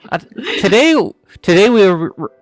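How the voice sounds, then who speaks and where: A man's voice: sits high, expressive, a little slow, dry recording, soft background music. Chatty laughing male podcast host. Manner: chatty, laughs often, trips over words. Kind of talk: casual review chat.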